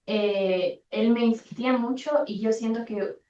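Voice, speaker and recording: A woman's voice: on the high side, steady tone, unhurried, dark tone. A young woman from Venezuela, a university student in a focus group, giving a thoughtful personal account and often searching for words. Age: young adult. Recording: distant, roomy, muffled recording with faint noise.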